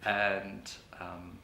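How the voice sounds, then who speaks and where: A man, answering interview questions in a relaxed way, correcting himself now and then. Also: low voice, gravelly. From South Africa. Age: late 30s. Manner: relaxed, with fillers and self-corrections. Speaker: author and freelance economist. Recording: echoey room with background noise.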